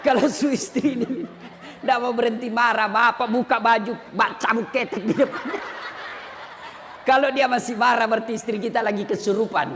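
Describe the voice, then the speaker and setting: A man preaching a humorous sermon to a live audience, teasing and often shouting his punchlines. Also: very high voice, fairly even intonation, moderate pace, noisy background. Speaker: Islamic preacher. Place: large event hall. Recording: long hall reverb at live event.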